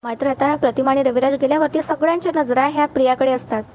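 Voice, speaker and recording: High-voiced woman recapping a TV serial. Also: steady tone, darkish tone, slight background noise. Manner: brisk retelling, sprinkles English words. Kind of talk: casual story recap.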